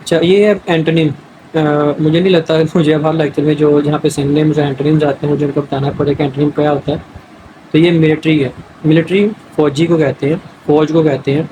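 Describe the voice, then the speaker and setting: A man's voice: on the high side, little pitch movement, background noise. A man giving a test-prep grammar lecture, explaining step by step and mixing English words into his Urdu. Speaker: teacher.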